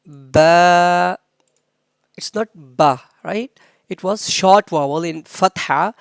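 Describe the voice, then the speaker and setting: A Quran teacher leading a slow recitation lesson, spelling letters and drawing out each long vowel in careful drills. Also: mid-range voice, no room sound, studio quality. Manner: drawn-out, careful drilling of syllables.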